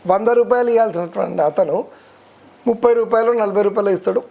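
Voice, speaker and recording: A man, a devotional guest explaining worship rules in a steady, teacherly way, listing terms one by one. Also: high voice, fast, vocal fry. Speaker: devotional guest speaker on ritual. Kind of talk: explanatory interview talk.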